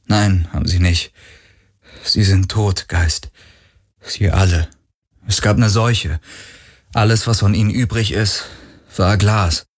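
A man's voice: steady tone, slow pace, long pauses, slightly rough. A man voicing a grieving but determined young hero in a German audiobook, speaking earnestly and with feeling. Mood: consoling. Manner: earnest and emotional, rising pitch.

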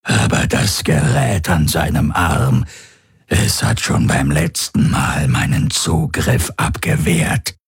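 A man voicing a sinister skeletal male alien monster who speaks in a slow, whispery voice. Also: a bass voice, sing-song, creaky, slightly rough, dry recording, studio quality, exaggerated voice. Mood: whispering.

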